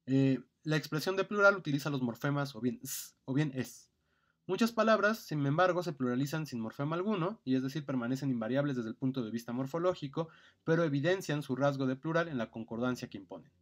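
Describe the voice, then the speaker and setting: A middle-aged man giving a recorded grammar lecture, methodically listing examples with fillers and self-corrections. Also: fairly high pitch.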